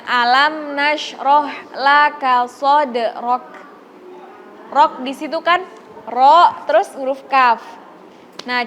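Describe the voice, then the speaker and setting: A high-pitched woman leads a recitation lesson at an unhurried pace. She stretches each example out slowly and repeats it patiently, with a faint hiss of noise in the background. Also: a bit bright. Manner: patient, drawn-out model recitations. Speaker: Quran recitation teacher. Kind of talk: Quran pronunciation lesson.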